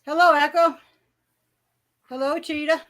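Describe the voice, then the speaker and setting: A woman's voice: sits high, fairly even intonation, a little slow, a bit bright. A cheerful, giggly woman chatting as a guest, heard over a glitchy video call that keeps freezing. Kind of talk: casual chat.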